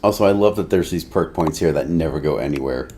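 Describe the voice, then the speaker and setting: A man's voice: extremely low pitch, fast talker, warm tone, a little hiss or hum. A man streaming a video game, chatting casually and giving flippant, irreverent replies.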